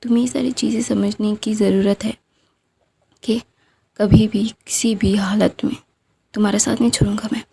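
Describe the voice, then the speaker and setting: Protective young man, soft reassuring tone, trails into a whisper, gravelly voice, as a woman voices him. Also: mid-range voice, level tone, moderate pace, pauses often.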